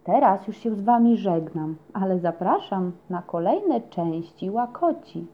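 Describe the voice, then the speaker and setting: Woman, storyteller, children's story narration, gentle, expressive, middle pitch, dull lo-fi sound. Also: unhurried. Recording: dull lo-fi recording.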